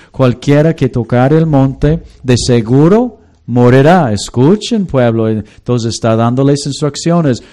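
Slow, mellow-voiced man preaching a sermon. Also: mid-range voice. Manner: slow, reads scripture and acts out everyday voices. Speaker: pastor. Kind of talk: sermon with Bible reading.

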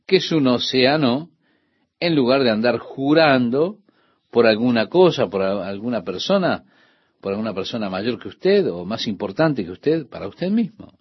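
A man's voice: medium pitch, husky, lo-fi sound. A man giving an earnest radio Bible teaching, speaking straight to the listener. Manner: earnest, addresses the listener directly.

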